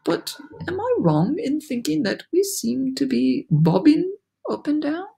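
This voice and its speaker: A woman's voice: sits high, sing-song, measured pace, creaky, warm tone, pitched above the performer's own voice, full character voice. A woman voicing a polite, anxious female ladybug in a storybook. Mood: worried. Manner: polite, fretful.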